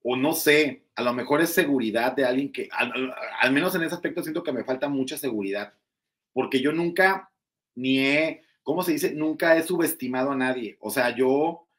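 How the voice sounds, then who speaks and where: A man's voice: normal speed, fairly bright tone. A man with a Mexican accent hosting a casual gossip commentary show, talking in a chatty way with lots of fillers and often mimicking others. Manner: mimics others in a high, mocking voice. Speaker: entertainment show host.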